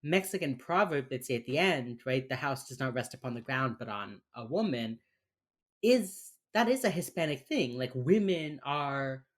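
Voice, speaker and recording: An American woman with a Miami accent, co-hosting a casual podcast chat in an informal, sweary, halting way. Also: a bass voice, expressive. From United States. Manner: informal, sweary, halting with many filler phrases. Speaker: podcast co-host.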